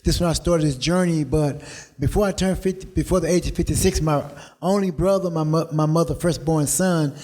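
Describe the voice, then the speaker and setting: A man's voice: fairly high pitch, warm tone. Earnest older man telling his story. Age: late 50s or older. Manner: earnest, measured, reflective. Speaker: guest. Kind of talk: personal storytelling.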